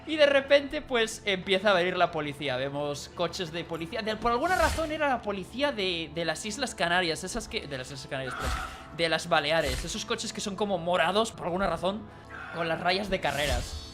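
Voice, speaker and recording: A streamer, casually recounting a dream in an animated, rambling way with quiet asides. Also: medium pitch, brisk, over music.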